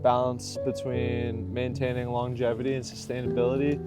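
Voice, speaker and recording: A man's voice: medium pitch, completely flat delivery, moderate pace. Thoughtful man from New Jersey. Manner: thoughtful, reflective. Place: city street outdoors. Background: music.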